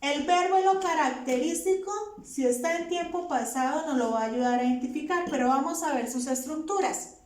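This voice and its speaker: Woman, grammar teacher, high voice, a bit far from the mic. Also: fairly quick, a little mellow. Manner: patient, asks questions and answers them. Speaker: English teacher. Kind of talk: explaining grammar to students. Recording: echoey room, voice off-mic.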